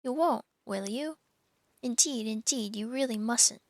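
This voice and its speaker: A woman's voice: a little high, unhurried, no room sound. A woman voicing a kind, polite young girl from a children's storybook, speaking earnestly. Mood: pleading.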